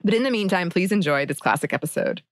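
A woman's voice: fairly low pitch, expressive, fast talker. A woman co-hosting a podcast in casual conversation, recorded close on a microphone in a small home closet. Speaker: podcast co-host. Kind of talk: casual chat.

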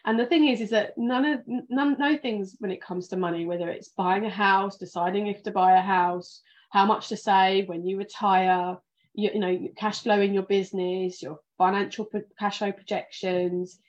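A woman's voice: medium pitch, fairly even intonation, normal speed. A British woman with a southern English accent talks in a rambling, casual way, full of ums and restarts. She sounds a little sleepy. The recording is slightly dull and lo-fi. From England. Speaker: podcast host, financial planner. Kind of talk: casual livestream chat.

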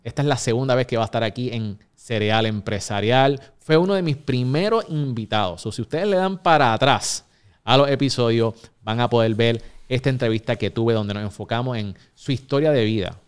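A man hosts a podcast in an upbeat way, addressing his listeners directly. His voice is smooth and clear, set at an ordinary middle pitch. He speaks from a recording studio. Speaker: podcast host. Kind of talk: energetic podcast hosting with promotional reads.

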